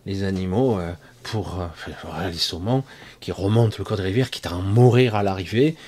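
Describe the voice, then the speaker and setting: A man's voice: low-pitched, a little fast, darkish tone. A man from France giving a rambling, conversational monologue about energy healing, full of asides and restarts, speaking straight to his listeners. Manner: addresses listeners directly, conversational. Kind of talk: casual spoken monologue.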